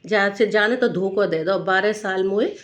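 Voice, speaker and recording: A woman's voice: mid-range voice, unhurried, lightly acted. A woman voicing an angry, stubborn old male devotee who speaks with a Braj accent. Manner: grumbling, scolding.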